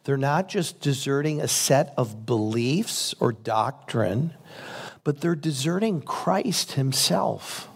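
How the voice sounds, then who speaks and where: A man's voice: mid-range voice, lively intonation, slow pace, creaky, slightly rough. A man preaching a sermon as a pastor, in a conversational, earnest way.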